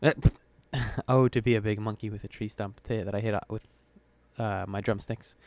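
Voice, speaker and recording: A man's voice: on the low side, fairly even intonation, moderate pace, a little mellow, a little hiss or hum. A man co-hosting a podcast in casual chat, playful and full of fillers. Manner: chatty, playful, trails off with fillers. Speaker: podcast co-host.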